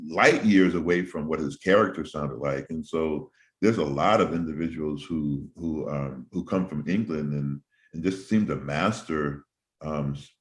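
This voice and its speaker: Very deep-voiced male interview host. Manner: thoughtful, rambling, pauses with many um's. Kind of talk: casual interview chat.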